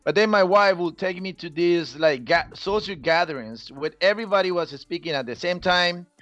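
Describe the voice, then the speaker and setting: Here a Spanish teacher from Costa Rica, middle-aged and speaking natively with a Costa Rican accent, recounts his own story in a relaxed podcast interview. The voice sits high and a bit bright at normal speed; the recording is dry and dull, with faint background music.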